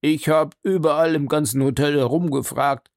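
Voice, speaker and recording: An agitated hotel porter tries to calm a guest, as a man reads aloud. His voice sits high and sounds close and dry. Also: normal speed, dry recording, close to an everyday voice. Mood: placating. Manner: flustered, placating.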